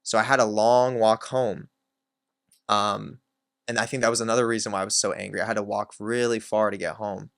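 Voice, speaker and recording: A man's voice: on the low side, level tone, brisk, vocal fry, a bit bright, no room sound, clean studio sound. A man hosting his own channel, candidly telling a personal story in a reflective way, with many filler words. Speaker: self-help channel host.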